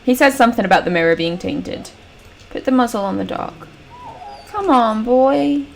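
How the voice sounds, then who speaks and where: A woman's voice: fairly high pitch, expressive, normal speed, creaky, slight background noise. Chatty British woman playing a game. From United Kingdom. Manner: chatty, jokey, swears casually. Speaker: gaming channel host. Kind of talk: casual let's-play commentary.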